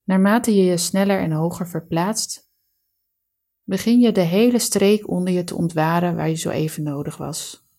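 A woman with a lowish voice and a gravelly creak leads a guided meditation. Her delivery is calm and soothing, with each instruction measured out for relaxation.

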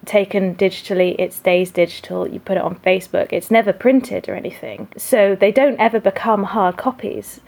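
A woman's voice: medium pitch, fairly even intonation, normal speed, gravelly, hardly any pauses, darkish tone. A woman talking casually as an interview guest, often rephrasing as she goes. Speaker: podcaster and objects conservator guest.

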